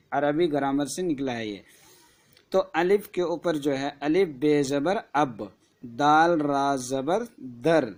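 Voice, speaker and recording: Man slowly spelling words for children. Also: on the high side, a little mellow. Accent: Kashmiri Urdu. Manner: slow syllable-by-syllable spelling drills. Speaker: teacher. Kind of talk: Urdu alphabet lesson for children.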